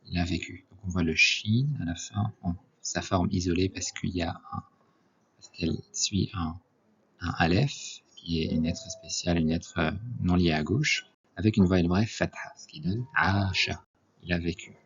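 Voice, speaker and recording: A man's voice: sits low, steady tone, moderate pace, slightly rough. A man teaching an Arabic lesson, spelling out letters and repeating each example word twice before explaining it. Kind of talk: slow methodical language lesson. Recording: dull lo-fi recording.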